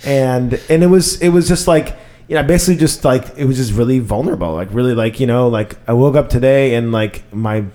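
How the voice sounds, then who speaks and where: A podcast host in his thirties chats casually, rambling through animated stories packed with fillers. His voice sits at a medium pitch and moves a little fast.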